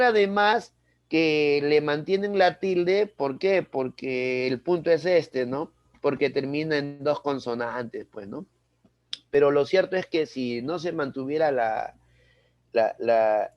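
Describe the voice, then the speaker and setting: A man's voice: medium pitch, dry recording. A man teaching a grammar lesson to a class, explaining step by step and often checking with questions like "right?". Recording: dry, dull lo-fi sound.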